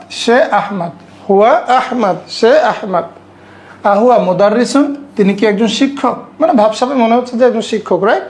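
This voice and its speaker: Bright-voiced woman teaching Arabic phrases. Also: fairly high pitch. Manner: repeats phrases slowly, checks understanding with "right?". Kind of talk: online language lesson.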